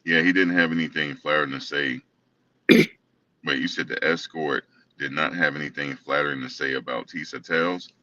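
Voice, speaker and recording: A man with a very deep voice and a bright edge on top talks through a casual commentary chat. He picks his way along with fillers and restarts. He sits well back from the mic, and the sound is dull and muffled. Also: steady tone, normal speed, far from the mic. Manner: loose, hesitant, with many fillers and restarts. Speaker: co-host.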